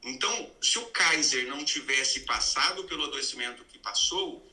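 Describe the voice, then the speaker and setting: A man hosting a live conversation, calmly explaining a series of healing steps one by one in a teaching manner. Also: mid-range voice, moderate pace. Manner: didactic, lays out numbered steps. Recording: roomy, distant mic.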